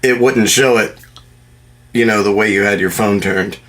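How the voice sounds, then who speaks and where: A man's voice: fairly low pitch, moderate pace, fairly bright tone. A man co-hosting a podcast in casual chat, making dry, teasing asides. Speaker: podcast co-host.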